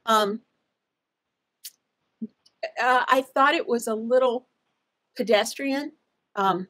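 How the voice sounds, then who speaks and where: A middle-aged woman co-hosting a casual fashion color chat, opinionated and halting, with frequent restarts and fillers. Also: fairly high pitch, a bit bright. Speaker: color analyst co-host.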